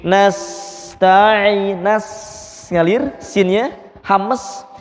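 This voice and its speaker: Patient recitation teacher, a man with a high voice who drills sounds slowly, heard with a reverberant hall. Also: animated. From Indonesia. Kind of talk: Quran recitation lesson.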